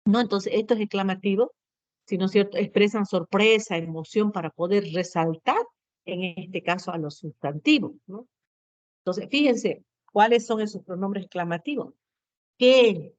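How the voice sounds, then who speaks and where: A woman's voice: medium pitch, no room sound, dull audio. A woman teacher giving a grammar lesson to students, explaining step by step, often adding tag questions and fillers.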